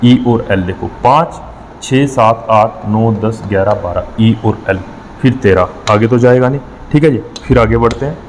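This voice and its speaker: A man's voice: mid-range voice, normal speed, darkish tone, long reverb tail, slight background noise, rough recording. Man teaching exam maths, counting aloud. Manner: explains step by step, counting aloud with frequent checks. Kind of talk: exam-prep lesson.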